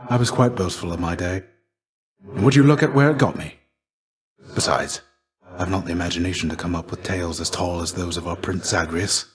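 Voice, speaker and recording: For a video game, a man voices a weary old warrior shade in a low register, his speech formal, archaic, measured, and theatrically weighty. He comes across as a gentle, earnest father figure mentoring a younger pupil, with a natural voice and a wistful, gentle mood.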